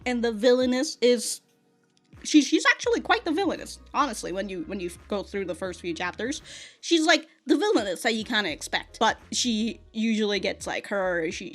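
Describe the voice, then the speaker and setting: With a voice that sits a little high and sounds a bit bright, a woman who reviews anime and manga on YouTube talks off the cuff. She rambles, loops back over what she just said and swears casually now and then.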